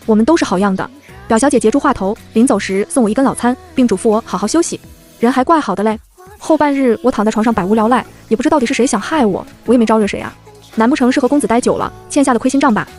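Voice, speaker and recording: A woman's voice: on the high side, darkish tone. A woman narrating a playful first-person story and voicing every character herself.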